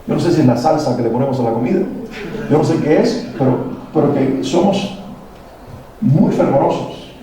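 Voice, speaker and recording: A Latin American man gives a motivational talk to parents at a parenting workshop, posing rhetorical questions to the audience. His medium-pitched voice is animated and at normal speed. The mic is distant in a very echoey hall, with a crowd in the background and faint noise.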